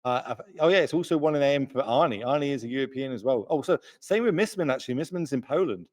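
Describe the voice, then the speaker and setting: A young man doing live commentary on a card game tournament. His voice sits at a middle pitch, chatty and full of joking asides. He sounds tired from a long late-night session. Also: expressive, fast, a little mellow.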